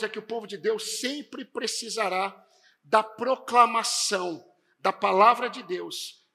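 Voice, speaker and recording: High, gravelly-voiced preaching man. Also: pushed and bright. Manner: emphatic preaching, varied intonation. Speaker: pastor. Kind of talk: sermon. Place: church.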